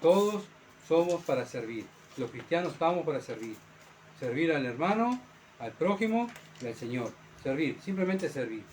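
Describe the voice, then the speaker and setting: Male pastor, fairly high voice, emphatic sermon with rhetorical questions, faint noise behind. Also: sing-song, normal speed, a little mellow, rough recording.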